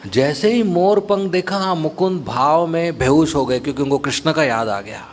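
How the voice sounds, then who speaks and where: Casting: male preacher, animated storyteller, slightly high voice, mixes in English words. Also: moderate pace, slight background noise. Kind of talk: devotional storytelling talk.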